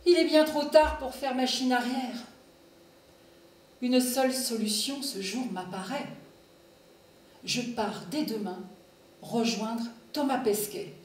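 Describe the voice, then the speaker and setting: A woman performing poems in a slow, expressive recitation, sometimes singing them, at an evening event. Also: a little high, a little hiss or hum. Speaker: poetry performer. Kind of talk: poetry recital with piano. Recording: echoey hall from far off, piano behind.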